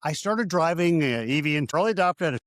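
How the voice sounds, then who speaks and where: Man with a fairly high voice. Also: animated, fairly quick, fairly bright tone, no room sound, studio quality. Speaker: guest, charger manufacturer executive. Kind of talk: panel discussion.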